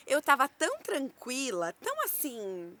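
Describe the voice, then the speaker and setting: Bright-voiced Brazilian woman telling a story. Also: sits high, a little slow, a little hiss or hum. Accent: Brazilian Portuguese. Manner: animated storyteller, acts out quotes, laughs often. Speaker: podcast host telling a story. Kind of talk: casual podcast chat.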